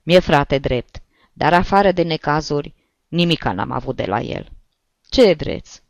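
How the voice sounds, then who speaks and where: A man's voice: fairly high pitch, lively intonation, vocal fry, no room sound. A man doing a fretting, lamenting innkeeper. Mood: frightened. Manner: lamenting, sighing, pleading. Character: anxious fretting innkeeper, middle-aged man.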